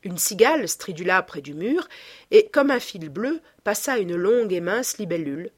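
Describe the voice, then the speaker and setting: A woman narrating a classic novel as an audiobook reader, calm and descriptive. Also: mid-range voice, moderate pace, breathy edge, no room sound, studio quality.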